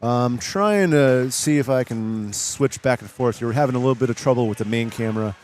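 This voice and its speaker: A man doing live play-by-play commentary for a hockey game, brisk and rising in pitch on the big plays. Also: a little mellow.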